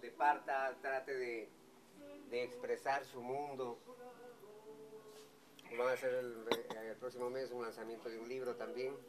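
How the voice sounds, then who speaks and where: On an outdoor café patio, an Ecuadorian café owner in his fifties chats casually, going on at length, emphatic and prone to repeating himself. He speaks unhurriedly with a medium pitch and level tone, pausing often. The sound comes from a distant camera on a table, with music and a noisy background.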